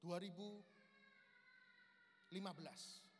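A man gives an emotional church testimony, swinging from loud, high outbursts to hushed, low passages and calling the audience his brothers. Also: takes it slowly. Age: 40s. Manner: keeps addressing the audience as brothers. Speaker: lay preacher giving a testimony. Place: large reverberant hall at a men's camp. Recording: reverberant hall, faint background noise.

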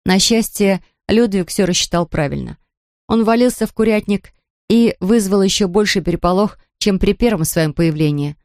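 A woman narrating a children's storybook in an expressive, even reading. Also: mid-range voice, moderate pace, no room sound, clean studio sound. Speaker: audiobook narrator.

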